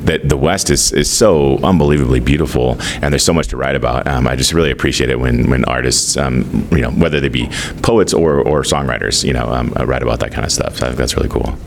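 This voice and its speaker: An American man from Nevada speaking as an interviewer in a casual, halting, conversational way. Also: rumbling low, creaky, slight background noise. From Nevada, western United States.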